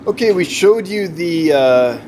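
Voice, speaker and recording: A man's voice: a little high, expressive, measured pace, darkish tone. A man giving a casual, enthusiastic, unscripted tour of the stock in an indoor fish warehouse as the seller. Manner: enthusiastic, chatty. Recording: clear background noise, humming ventilation.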